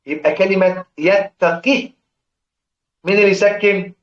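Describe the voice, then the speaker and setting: A man with an Egyptian accent teaching a class on Quran reading, his voice sitting a little high for a man. He quizzes his listeners and answers himself, dropping into slow chant for quoted lines. The recording is roomy and echoey, with a dull, lo-fi sound. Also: steady tone. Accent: Egyptian Arabic. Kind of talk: religious lesson explaining verse.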